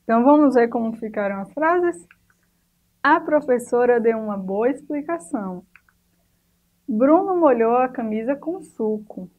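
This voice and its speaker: A woman's voice: a little high, animated, a little slow, narrow, tinny audio. A woman teacher giving a recorded class to children, patiently stretching out the example words and asking the class questions.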